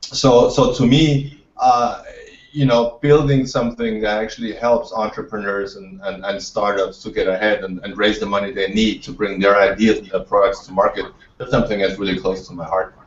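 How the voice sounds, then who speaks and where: Speaking at a normal speed in a fairly low, flat voice, a man from Austria gives interview answers as an entrepreneur guest. He comes across as keen, though his speech is full of restarts and repeated words, captured on a dull, roomy recording far from the microphone.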